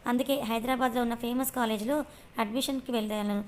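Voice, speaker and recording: A woman voicing a gentle, doting middle-aged father who speaks softly and soothingly. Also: fairly high pitch, steady tone, fast, slight background noise, close to an everyday voice. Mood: tender. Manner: soothing, tender.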